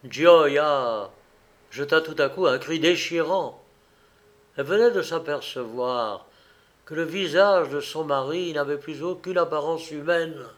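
A man reading a gothic tale aloud in a slow, dramatic storybook narration. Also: fairly high pitch.

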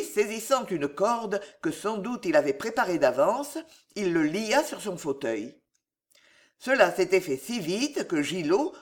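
A narrator reading a French novel aloud in a calm, measured way. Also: mid-range voice. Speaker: audiobook narrator. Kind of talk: scripted narration.

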